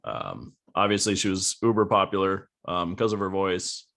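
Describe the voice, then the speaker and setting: A man co-hosting a casual podcast chat over a video call, relaxed and laughing often. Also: low voice, normal speed, creaky. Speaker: podcast co-host.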